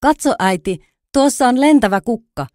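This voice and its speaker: A woman's voice: mid-range voice, expressive, no echo, studio quality, lightly acted. A woman voicing a small, curious male fawn who exclaims with wonder in a storybook reading.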